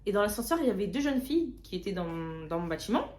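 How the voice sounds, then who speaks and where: A young woman vlogger casually telling a story, slangy and lively, often repeating words. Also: medium pitch, very fast, slight background noise. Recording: roomy echo.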